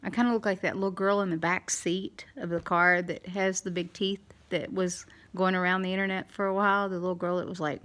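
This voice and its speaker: A middle-aged woman with a slight lisp, talking candidly in a halting, rambling way as in a casual video diary. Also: on the low side, level tone, a bit bright. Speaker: dental implant patient vlogger.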